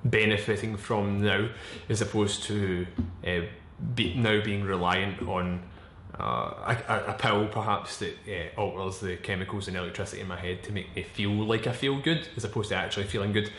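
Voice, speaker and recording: A man in his twenties speaking candidly in a personal vlog, halting and searching for words, with frequent restarts and blunt swearing. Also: lowish voice, fairly bright tone, a little hiss or hum. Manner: frank and swearing. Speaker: vlogger. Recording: echoey room.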